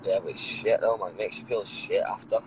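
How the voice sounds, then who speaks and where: A man's voice: on the low side, steady tone, brisk, darkish tone, a little hiss or hum, low-quality recording. Young man live-streaming from a car. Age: young adult. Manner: loose, joking slang banter. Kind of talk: casual live-stream chat. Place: inside a car. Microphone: phone at arm's length.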